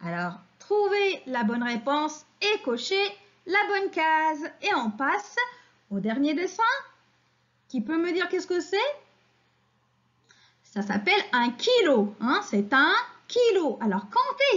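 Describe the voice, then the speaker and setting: Woman teacher, high lively voice, slow patient kindergarten phonics lesson, slightly dull lo-fi recording. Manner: slow, patient, questioning children and praising them.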